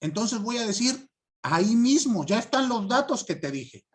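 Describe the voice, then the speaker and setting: A man giving a class lecture, stressing key words and often asking students if it is clear. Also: very high-pitched, big pitch swings, moderate pace. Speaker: law teacher.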